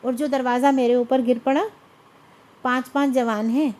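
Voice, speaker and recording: A woman's voice: high voice, fairly even intonation, moderate pace, a little mellow, natural voice. A woman voicing a timid, cowardly young husband who pleads and frets. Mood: pleading. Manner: pleading, fretful.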